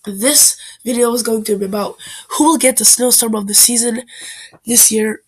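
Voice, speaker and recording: A woman's voice: a little high, breathy edge, poor audio. A woman with a stuffed-up, nasal voice from a bad cold, informally narrating an amateur weather forecast video.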